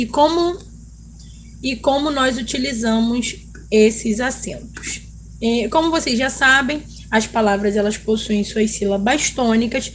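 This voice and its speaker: A woman teaches a children's video lesson in a fairly high voice. She goes slowly and patiently, drawing out vowels and example words so young pupils can hear them. She keeps checking in with her class as she explains. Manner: ends phrases with "tá?" checking in with pupils. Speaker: primary school teacher.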